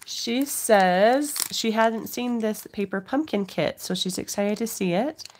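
Background noise accompanies a middle-aged woman talking a little slowly in a mid-range voice. She's hosting a casual craft demo for viewers from an indoor home craft table, nursing a cold with an occasional cough.

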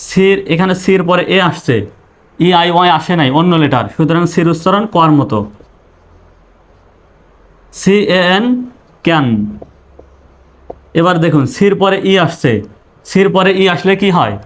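A man's voice: high-pitched, a little slow, pauses often. A man teaching an English spelling lesson, patiently repeating each rule and spelling words out letter by letter.

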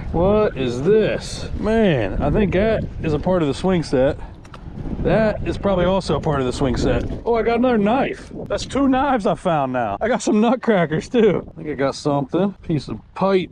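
Young male vlogger, lively swooping voice, casual excited commentary, wind roaring on a body cam outdoors. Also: on the high side. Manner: excited, says dude and bro a lot, thinks aloud. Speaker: magnet fishing channel host. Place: outdoors on a bridge over a river in strong wind. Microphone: first-person body-worn action camera. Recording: wind noise on an outdoor action camera. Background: wind noise.

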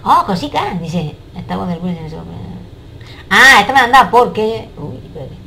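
A woman's voice: mid-range voice, lively intonation, fairly quick, vocal fry, pushed and bright, a little hiss or hum. A woman, commenting casually on a game as she plays and playfully teases its characters. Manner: playful, teasing game characters, laughing often. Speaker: gamer.

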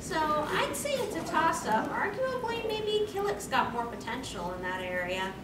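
A young adult woman hosts a panel on a stage in a convention meeting room, explaining things and fielding questions in an articulate, slightly formal manner. Her voice is high and sing-song at a normal pace. A distant camera microphone makes the recording echoey and noisy.

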